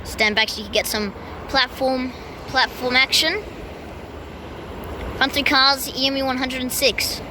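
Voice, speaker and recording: Standing on a train platform, a woman films a train-spotting vlog, announcing arrivals and departures and adding casual asides. Her voice sits high with fairly even intonation, a little slow and with frequent pauses. The audio is full of loud train and platform noise, including trains, vehicles and outdoor station ambience.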